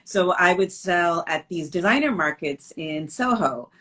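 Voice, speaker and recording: A woman's voice: fairly low pitch, lively intonation, a little slow, fairly bright tone. A middle-aged woman from Canada, a business owner chatting casually in an interview over a video call, with lots of fillers and restarts.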